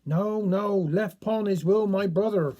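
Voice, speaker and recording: A man voicing a muddled, slow-witted Cornish villager who rambles in dialect. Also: high voice, warm tone, a little hiss or hum.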